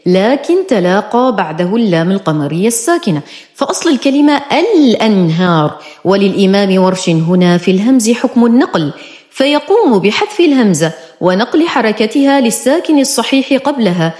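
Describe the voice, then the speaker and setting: A woman with a fairly high voice explains a Quran recitation rule calmly and methodically. She is recorded in an echoey room with a roomy sound. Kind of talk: tajweed lesson explanation.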